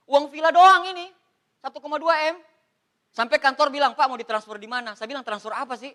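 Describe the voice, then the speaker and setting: High, bright-voiced Indonesian man, joking seminar speaker. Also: fast talker. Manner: animated, joking, addresses audience as Pak. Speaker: motivational speaker on MLM. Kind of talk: motivational seminar talk.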